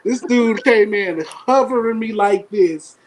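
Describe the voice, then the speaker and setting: A man co-hosting a podcast, telling a story in casual chat, animated and laughing often as he acts out what people said. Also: high-pitched, slow pace, a little hiss or hum, low-quality recording. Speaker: podcast co-host.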